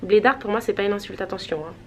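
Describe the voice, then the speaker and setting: Woman, from Switzerland, casual vlog chat, rambling, hesitant, mid-pitched voice. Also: quick pace, fairly bright tone, slight background noise. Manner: rambling, chatty, many hesitations. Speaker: vlogger.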